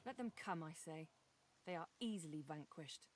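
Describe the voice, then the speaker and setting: An actress playing a proud, commanding warrior goddess in a video game. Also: female voice, low voice, expressive, moderate pace, slight background noise. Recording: quiet game audio under loud music.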